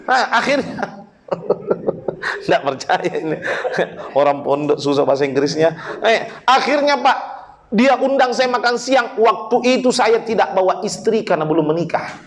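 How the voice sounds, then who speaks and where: A man's voice: high-pitched, lively intonation, measured pace. A man giving a humorous sermon, blunt and joking, talking straight to the men in his audience. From Makassar, South Sulawesi. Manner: blunt, joking, addresses the men in the crowd directly. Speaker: preacher.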